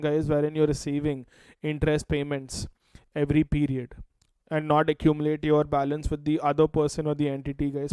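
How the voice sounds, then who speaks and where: Indian guy teaching a class, higher-ish smooth voice, instructive, repeats himself. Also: darkish tone, no echo, poor audio. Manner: repetitive, instructive, addresses students with affectionate terms. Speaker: finance teacher. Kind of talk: classroom lecture.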